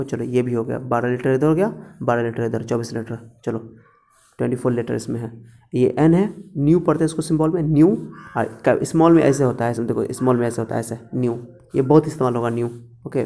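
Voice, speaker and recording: A man's voice: medium pitch, vocal fry, dark tone. A male teacher giving a casual lecture to students, repeating words often and speaking straight to them. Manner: repetitive, instructive, speaks directly to students.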